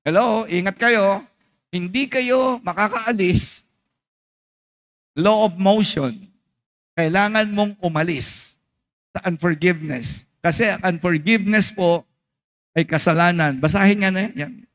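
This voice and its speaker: A man's voice: sits high, a little slow, long pauses. A male pastor with a Filipino accent preaching a sermon, switching between Tagalog and English and calling out questions to the congregation. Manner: emphatic, animated preaching.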